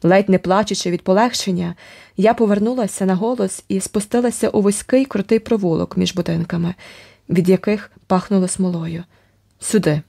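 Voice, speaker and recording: A woman narrating an adventure audiobook in the first person, with expressive, dramatic storytelling. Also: medium pitch, brisk, gravelly.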